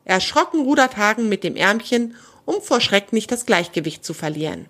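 A woman narrating a children's story with a lively, expressive reading. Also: mid-range voice, moderate pace.

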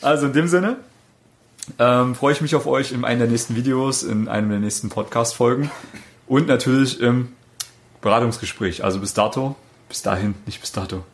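A man who hosts a podcast as a dating coach, talking in a casual chat. He rambles through his stories, with plenty of fillers and quick self-corrections along the way. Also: medium pitch.

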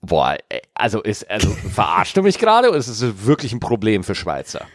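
A man in casual podcast banter, playful and teasing, who reacts with big exaggerated outbursts. His pitch leaps around a lot as he talks. The sound is close and dry, with no room to it. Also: wildly swooping pitch, a little fast, no room sound. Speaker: podcast co-host. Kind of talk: casual chat, reading out a listener mail.

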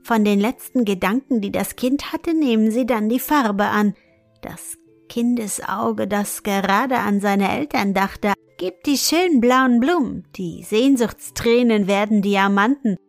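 A woman voicing an evil old male wizard in a slowly read fairy tale, gloating and coaxing. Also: medium pitch, faint music behind, lightly acted.

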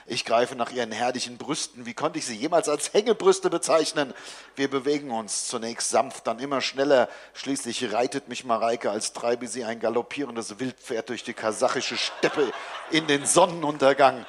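A man reading a comic first-person story aloud in a dry, deadpan manner. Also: mid-range voice, normal speed, slightly rough.

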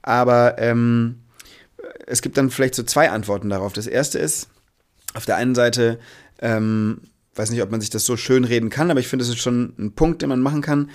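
A man's voice: mid-range voice, fairly even intonation, moderate pace. A man answering as an interview guest in a casual, earnest and reflective way, often searching for his words.

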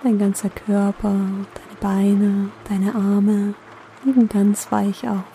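A woman guiding a sleep meditation in a gentle, soothing, unhurried manner with long pauses. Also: medium pitch, little pitch movement, a little hiss or hum. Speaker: meditation guide, host.

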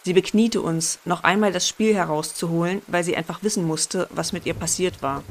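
A woman narrating a first-person horror story in a measured, suspenseful way. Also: on the low side.

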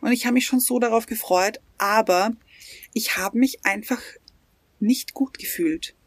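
Earnest breathy woman, dry close sound. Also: fairly high pitch, unhurried, dry recording. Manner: reflective, earnest, repeats words for emphasis. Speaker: podcast co-host. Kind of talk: casual chat.

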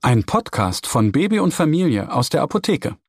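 A man's voice: fairly high pitch, big pitch swings, moderate pace, darkish tone, husky, no echo, studio quality, soft background music. A man reading an upbeat promo for a family podcast. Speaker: announcer.

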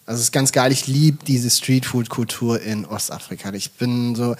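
Lebhafter, rauer Mann im lockeren Gespräch. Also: male voice, medium pitch, normal speed. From Swabia, Germany. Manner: lively storyteller, swears casually, mixes in English phrases. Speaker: podcast guest, chef. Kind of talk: casual chat.

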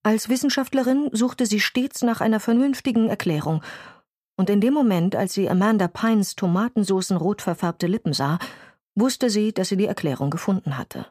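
A woman narrating a novel as an audiobook in a measured, descriptive way. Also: medium pitch, a little mellow, no echo, studio quality. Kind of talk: scripted narration.

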